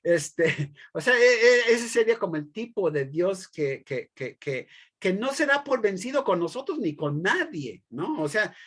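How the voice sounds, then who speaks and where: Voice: mid-range voice, sing-song, measured pace, fairly bright tone. A teacher lecturing a class, talking hesitantly with many fillers, restarts and tag questions, and explaining through everyday examples.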